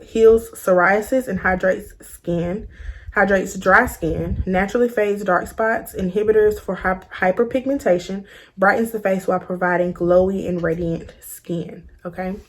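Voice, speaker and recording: Chatty woman talking through braces. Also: mid-range voice. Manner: speaks with braces, stumbles on long words; sassy, informal girlfriend-to-girlfriend address. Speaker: vlogger reviewing soaps. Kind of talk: casual chatty product review.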